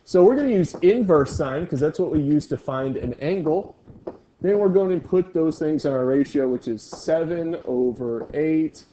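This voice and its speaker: A man's voice: on the high side, expressive, moderate pace, dark tone, highs cut off, slight background noise. A male teacher leading a classroom review lesson, joking with his students. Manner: playful, jokey with students.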